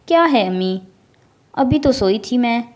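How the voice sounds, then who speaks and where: A woman voicing a cheeky, lazy teenage girl who teases her family in a bubbly, higher voice, in a storybook reading. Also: lively intonation, natural voice. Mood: teasing.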